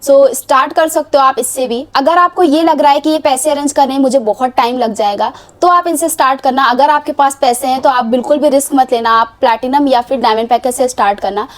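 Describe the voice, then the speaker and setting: Young woman, high voice, persuasive pitch-style vlog delivery, repeats herself. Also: a little fast, hardly any pauses. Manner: persuasive, repetitive, mixes English words into Hindi. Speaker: online course promoter. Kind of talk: casual sales pitch to camera.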